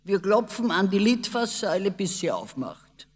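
Male reader as a rowdy joker father, loud and high, reverby. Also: very animated, moderate pace. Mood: teasing. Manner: loud, teasing, boisterous. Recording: long reverb.

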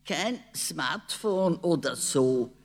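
A man voicing a lively, cheeky young girl who talks in an insistent, know-it-all way. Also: a little high, very slow, vocal fry, voice pushed up, heavily acted. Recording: long reverb.

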